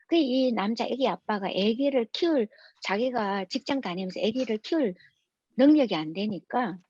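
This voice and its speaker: A woman's voice: high voice, a little mellow, slightly rough, no room sound, highs cut off. A woman giving a lecture, explaining rules through anecdotes in a storytelling manner.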